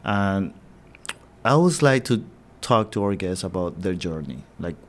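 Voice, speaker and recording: A man's voice: low-pitched, lively intonation, a little slow. A man hosting an interview, talking in an encouraging, affirming way to his guest. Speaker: interview host. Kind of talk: interview conversation.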